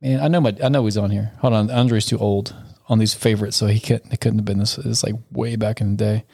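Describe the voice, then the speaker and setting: A man's voice: fairly low pitch, fairly even intonation, a little fast, vocal fry, mellow. Profane laid-back young man. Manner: loose, profane, laughing often. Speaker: podcast co-host. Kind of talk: casual chat.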